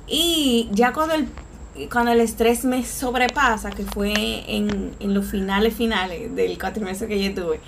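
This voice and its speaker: A woman's voice: medium pitch, unhurried, gravelly, a little hiss or hum. A young woman with a Dominican accent, chatting with friends and telling stories with bursts of laughter. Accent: Dominican Spanish. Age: young adult. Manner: laughing, animated storytelling. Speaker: student. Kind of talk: casual chat.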